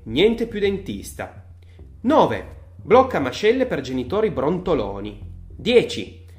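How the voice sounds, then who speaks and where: Expressive storybook narrator with faint music. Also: medium pitch. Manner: expressive, lively reading. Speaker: audiobook narrator. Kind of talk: storybook read-aloud narration.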